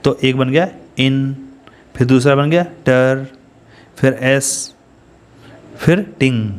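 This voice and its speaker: A man's voice: mid-range voice, slow pace, clear, resonant tone. A man with an Indian accent teaching an English grammar lesson, explaining step by step and asking his students questions as he goes.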